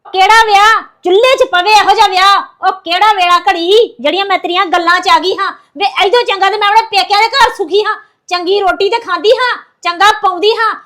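A woman acting a defiant young wife who talks loudly and scolds and threatens her husband. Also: very high-pitched, steady tone, fairly quick, few pauses. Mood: furious. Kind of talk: web drama acting.

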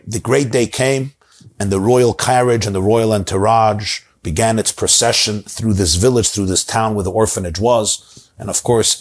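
A middle-aged man telling a story in a dramatic, repetitive way, recorded with a lapel mic in a study lined with bookshelves. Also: fairly low pitch. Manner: dramatic, repetitive, gesturing broadly. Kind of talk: animated storytelling.

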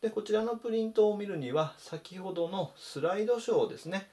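Man, native japanese, english vocabulary teacher, careful pronunciation, slightly high voice. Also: warm tone. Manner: slow, careful spelled-out pronunciation of English words. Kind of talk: scripted vocabulary lesson. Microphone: voice-over.

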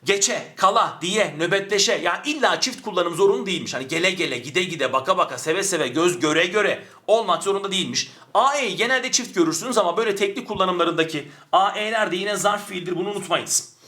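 A high, bright male voice carries this online grammar lesson. The man is animated, drags out key words and fires quick questions that he answers himself. He stands back from the camera mic. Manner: animated, stretches words for emphasis, asks and answers his own questions. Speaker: Turkish language teacher. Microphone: camera mic, speaks from a distance to avoid distortion.

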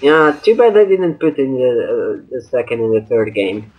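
A man's voice: mid-range voice, very animated, normal speed, dull audio. A man giving casual, bantering gameplay commentary as a let's-play host, sometimes mock-exasperated. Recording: game music behind. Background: video game music.

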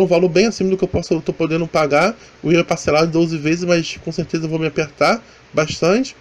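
A man from Brazil with a Rio de Janeiro accent, narrating his motorcycle vlog in a casual, rambling voice-over with many restarts and fillers. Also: on the high side. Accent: Rio de Janeiro Portuguese. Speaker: motovlogger. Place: voice-over, not recorded on the ride.

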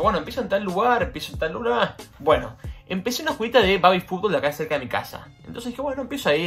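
A man in his twenties with a Rioplatense Argentine accent tells a personal anecdote at home in a casual, slangy vlog. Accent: Rioplatense Argentine Spanish. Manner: animated, slangy, jumps in pitch when telling the story. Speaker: vlogger.

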